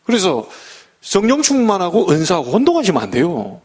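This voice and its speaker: A man's voice: high-pitched, wildly swooping pitch, brisk, slightly rough. A middle-aged male pastor giving a folksy sermon full of humor and rhetorical questions.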